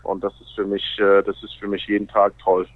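A man's voice: lowish voice, monotone, fairly quick, no room sound. A man from Canada, a native English speaker, talks casually in fluent German with an American accent and small grammar slips, as a guest in a radio interview. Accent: North American. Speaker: interview guest, baseball player. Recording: narrow, phone-like radio sound.

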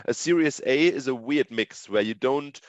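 A man's voice: medium pitch, normal speed. A man, a startup co-founder, answering interview questions conversationally in an explanatory way, often checking in with "right?". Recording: muffled lo-fi audio, echoey room.

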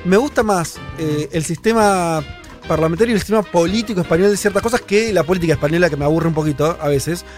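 A man with a high-pitched Rioplatense Spanish accent hosts a casual radio talk show, joking with his co-hosts. Faint music plays underneath. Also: fast talker. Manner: joking, reads listener messages aloud.

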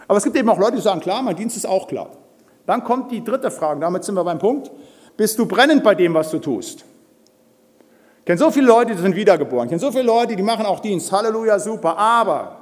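Forceful high-voiced older preacher in a hall. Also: male voice. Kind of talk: sermon. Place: church hall.

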